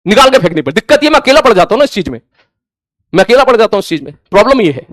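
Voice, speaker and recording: A man's voice: sits high, very animated, rapid-fire, fairly bright tone, dry recording, clean studio sound. A man teaching physics online to his class, blunt and stern, repeating points for emphasis. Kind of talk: scolding lecture to an online class.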